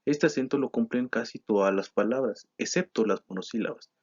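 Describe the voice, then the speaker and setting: A man walks through a grammar lesson, reading from slides. His voice sits at a middle pitch. He keeps a steady explanatory pace, filling pauses with "eh" and correcting himself. The recording sounds slightly dull and lo-fi. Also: breathy edge. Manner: steady explanatory delivery with frequent "eh" and self-corrections. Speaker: teacher presenting a grammar lesson.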